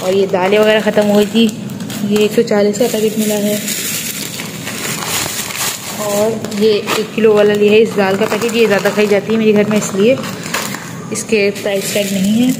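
A woman's voice: medium pitch, flat delivery, moderate pace, pauses often, noisy background. Chatty young Pakistani mother vlogging at home. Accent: Pakistani Urdu. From Pakistan, Karachi. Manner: chatty, addresses viewers directly, shows items one by one. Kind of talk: casual vlog narration.

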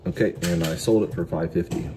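Clear background noise surrounds a low, fairly quick male voice. He is a middle-aged American auctioneer and vlog host giving offhand commentary on the lots he is selling.

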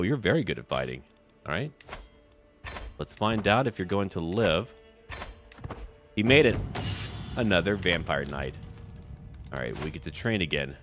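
This is a gaming video host narrating a strategy game in an offhand way, talking to himself in brief comments and reading bits out loud. Music plays under his voice, which is low-pitched and a bit bright.

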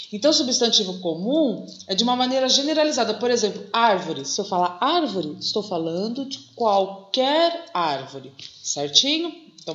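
A Brazilian woman teaches a grammar lesson in a patient, step-by-step way, often pausing to check that her listeners follow. Her voice echoes around the room. The sound is a little dull. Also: medium pitch, a bit bright, slight background noise. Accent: Brazilian Portuguese. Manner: patient, explains slowly with many "tá?" and "né?" checks. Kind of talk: classroom lesson video.

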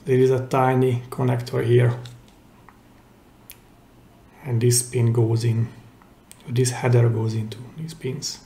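Speaking in a mellow monotone from the middle of his range, a man who hosts a DIY repair channel demonstrates a repair step by step at an indoor workbench. His phrases are simple and deliberate, broken by mid-sentence pauses, and the sound bounces around the room.

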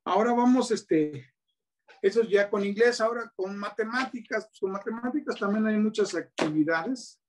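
A man with a Mexican Spanish accent and a high-pitched voice speaks at a moderate pace while demonstrating teaching materials. In this classroom-style demonstration he explains patiently, pausing often for rhetorical checks with his audience.

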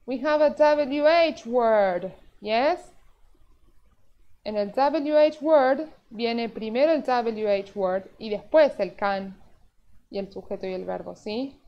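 A woman teaching an online English lesson on a video call. She speaks slowly and patiently, with a slightly high voice, and checks in with the class after each step. The audio sounds muffled and lo-fi. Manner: slow, patient, drawn-out explanations with check-ins like "yes?".

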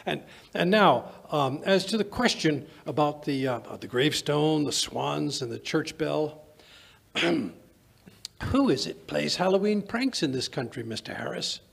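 Man playing creaky, animated old Doctor Watson. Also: a little high, exaggerated voice. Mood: musing, amused. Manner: halting, stammering delivery. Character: elderly chatty doctor storyteller, genial and halting. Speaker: radio play storyteller. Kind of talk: 1940s radio acting. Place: small indoor museum studio stage. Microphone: vintage-style stand microphone.

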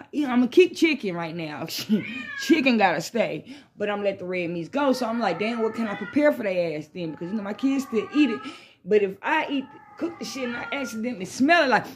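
A woman with a fairly high voice chats to her phone in a bedroom. She rambles like a stoner at a smoke session, loose and slangy. She swears freely and repeats herself as she drifts along. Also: slight background noise. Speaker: vlogger hosting a smoke session. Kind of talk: casual rambling chat to camera. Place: small bedroom, indoors. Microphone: phone propped at arm's length or a little further.

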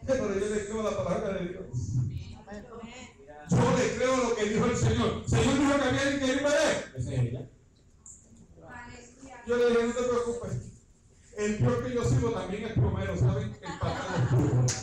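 A man preaching an impassioned revival sermon, rising to shouts. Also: high-pitched, animated, normal speed, long pauses. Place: large church hall. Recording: echoey church from far off.

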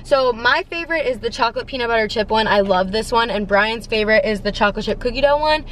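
A young woman with a fairly high voice chats in a bubbly, animated way. She talks to a camera on her dashboard while sitting in a parked car. Faint cabin noise hums behind her. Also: quick pace. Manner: bubbly, chatty, animated hand gestures. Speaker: vlogger. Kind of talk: casual grocery haul chat.

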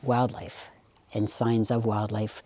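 A man talking easygoing and reflective during an outdoor hike on a country trail, pausing now and then. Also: on the low side, level tone, mellow. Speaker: nature vlogger. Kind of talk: casual outdoor commentary.

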